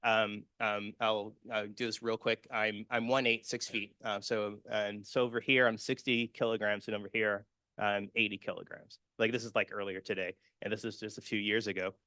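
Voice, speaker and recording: Earnest man with a bright voice. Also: on the low side, flat delivery, moderate pace, dry recording. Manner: earnest and personal, many fillers and restarts. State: emotional, near tears. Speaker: conference speaker. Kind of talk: conference presentation with slides.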